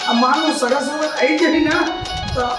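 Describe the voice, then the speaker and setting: A man's voice: very high voice, steady tone, a little slow, over music. A man playing an exasperated village shop servant in a comedy skit, grumbling and repeating himself in a Chhattisgarhi accent. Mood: explaining. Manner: grumbling, repetitive, dismissive. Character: exasperated male village shop servant minding credit accounts.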